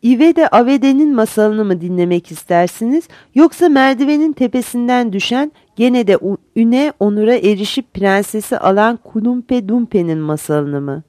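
A portly, courteous gentleman in a storybook, offering a tale to children in a measured, somewhat lower voice, as a woman narrator puts him on. The tone is warm and mellow, with a dry, close sound. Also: lively intonation, no room sound, close to an everyday voice. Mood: polite. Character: portly kindly man telling children a tale.

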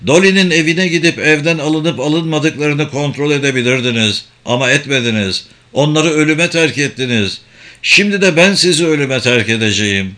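A man's voice: medium pitch, moderate pace, few pauses, a bit bright, lightly acted. A man voicing a grief-stricken, bitter young resistance fighter in an audiobook, speaking in an accusing, raised voice.

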